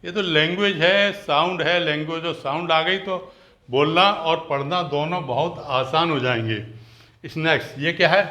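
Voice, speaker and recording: A man with a bright, fairly high voice teaches letter sounds to parents. He explains step by step, asks many questions, and repeats and stretches out words to show how each sound goes. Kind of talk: phonics lesson for parents.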